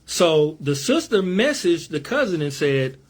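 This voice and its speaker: High-voiced man, emphatic commentary. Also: sing-song, a little slow. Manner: emphatic, repeats himself, casual slang. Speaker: religious commentator. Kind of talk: reading out messages with commentary.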